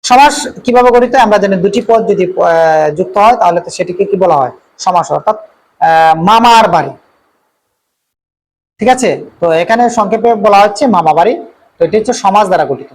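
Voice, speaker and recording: High-voiced male teacher, repeats each question. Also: poor audio. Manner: repeats each question and reads out the options before giving the answer; frequent drawn-out "uh" fillers. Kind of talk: exam-prep lesson going through multiple-choice questions.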